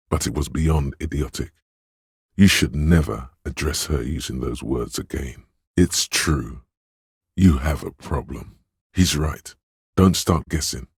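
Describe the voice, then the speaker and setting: A man voicing an insinuating inner voice in a video game, narrating in an intimate, coaxing, knowing and measured way, with a very deep, husky tone. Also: no room sound, clean studio sound, heavily acted. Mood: firm, chiding. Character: Suggestion, a smooth, insinuating inner voice coaxing a troubled cop. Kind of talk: scripted second-person game narration.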